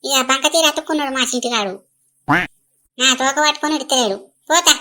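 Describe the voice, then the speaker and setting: A woman voicing a tearful elderly widowed grandmother from a village, in a Telangana accent, loud and wailing. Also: sits high, a little fast. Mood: grumbling.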